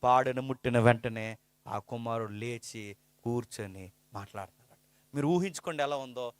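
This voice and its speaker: A man preaching a sermon, swinging from soft, low storytelling to loud, high exclamations, with repeated rhetorical questions. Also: normal speed, clean tone, no room sound.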